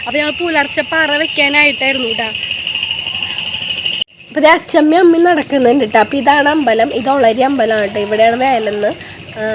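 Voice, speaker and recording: A young woman from Kerala, India, vlogs casually with a Thrissur Malayalam accent, ending sentences with tag words as she narrates into a phone camera set down nearby. Her high voice sounds a little worn after a fever, and there is background noise. She starts in her home work area and moves on to temple grounds.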